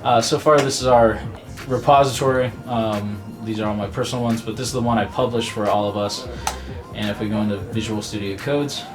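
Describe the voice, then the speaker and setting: Relaxed young man showing his project. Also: on the low side. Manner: relaxed, halting. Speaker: student team member. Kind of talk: casual interview, demoing code. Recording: music bed under voice.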